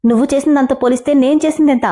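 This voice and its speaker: A woman's voice: high voice, steady tone, racing, close to an everyday voice. A woman doing a defiant young heroine. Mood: angry. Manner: sharp, defiant retorts.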